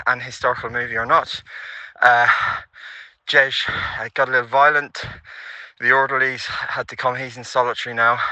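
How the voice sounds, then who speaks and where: A man playing a detainee who sends apologetic, matter-of-fact updates from a cell in a comic sketch, halting with fillers. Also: mid-range voice, pushed and bright, no room sound. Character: man sending updates while held in a cell during trials.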